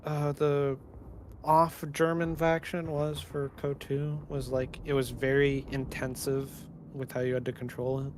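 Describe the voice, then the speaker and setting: A man's voice: medium pitch, level tone, measured pace. A man chatting casually with gamer friends as an onlooker. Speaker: friend watching the stream. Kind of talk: casual gaming chat. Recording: faint noise on voice chat.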